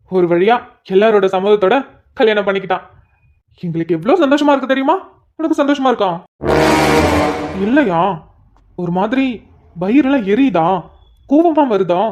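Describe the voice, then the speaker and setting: A woman's voice: fairly high pitch, darkish tone, close to an everyday voice. A woman voicing a self-assured male police officer who teases and mocks. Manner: teasing, mocking banter. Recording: dull lo-fi audio.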